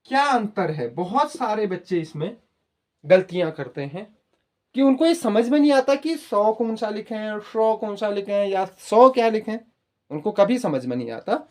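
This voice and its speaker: Speaking to his viewers as if they were children, a man teaches Hindi spelling and pronunciation, patiently explaining and repeating words for his students. His voice is high with lively intonation, and his pace is normal.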